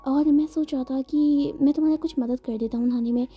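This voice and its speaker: A woman's voice: high-pitched, fairly even intonation, fairly quick, mellow, close to an everyday voice. A woman voicing a confident young man who teases and needles another. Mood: teasing. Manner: teasing. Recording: dull lo-fi sound, faint music.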